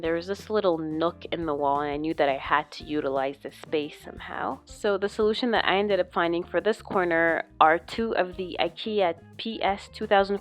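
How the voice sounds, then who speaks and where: A woman's voice: medium pitch, fairly bright tone. A young adult woman talking in a chatty vlogger style, explaining home DIY projects directly to her viewers. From lives in Canada. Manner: chatty, instructional, addressing viewers.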